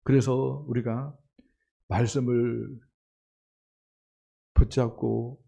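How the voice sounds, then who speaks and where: A man preaching a sermon as pastor, asking his congregation rhetorical questions and building to forceful emphasis. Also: mid-range voice, level tone, extremely slow, creaky. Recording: dull lo-fi church stream.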